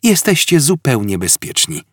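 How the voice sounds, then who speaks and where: A man voicing a calm female ship announcer with an even, soothing delivery. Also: medium pitch, normal speed, breathy edge, no echo, studio quality, faint music behind, pitched above the performer's own voice, full character voice.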